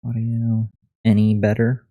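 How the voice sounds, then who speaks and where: Low raspy dude muttering while he codes on stream, audio glitchy n cutting out. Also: completely flat delivery, a little slow, narrow, tinny audio. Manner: mutters commands aloud while typing. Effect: glitchy audio that keeps cutting out. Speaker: streamer learning to code. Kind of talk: casual live-stream narration.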